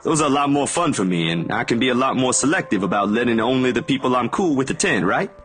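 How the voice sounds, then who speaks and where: With game music playing underneath, an actor voices Zachary, a kind, laid-back young guy in a visual novel who comes off a bit awkward. His natural, medium-pitched voice is animated, fairly bright, and quick, and his lines are informal and slangy with an easygoing, awkward mood.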